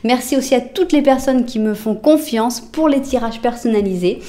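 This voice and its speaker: A woman with a French accent doing a casual tarot reading, talking straight to her viewers with lots of fillers and often dropping to a soft murmur as she lays out cards. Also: on the high side, moderate pace. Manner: chatty, addresses viewers directly, many fillers. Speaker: tarot reader.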